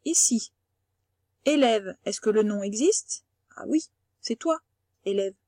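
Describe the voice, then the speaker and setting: Une femme institutrice à l'français qui fait une leçon à distance pour de jeunes élèves, patiente, répétant et détachant les mots. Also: female voice, mid-range voice, animated, warm tone, no echo, clean studio sound. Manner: patient, explains slowly and repeats words. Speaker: primary school teacher. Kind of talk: remote lesson for young pupils.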